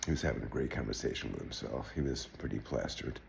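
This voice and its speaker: Older man, very deep voice, gravelly, telling a funny personal story, faint hiss behind. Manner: relaxed, halting, wry understatement. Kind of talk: personal anecdote told aloud.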